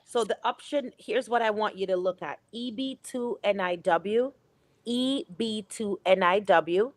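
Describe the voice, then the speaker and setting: A woman's voice: mid-range voice, unhurried, no echo. Methodical woman attorney on a dry remote line. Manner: methodical, asks clarifying questions. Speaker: immigration attorney guest. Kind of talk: advising callers on a live show.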